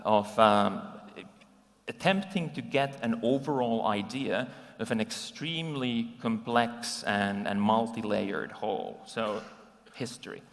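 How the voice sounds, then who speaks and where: A man from Finland speaks to a conference crowd in a low, gravelly voice. He talks conversationally, pausing with ums and restarting his sentences. The live recording carries the long reverb of a large hall. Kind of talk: conference talk with slides.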